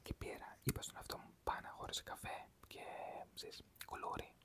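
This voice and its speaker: An ASMR creator whispers a gentle, rambling chat to viewers, blending calming affirmations with stories from everyday life.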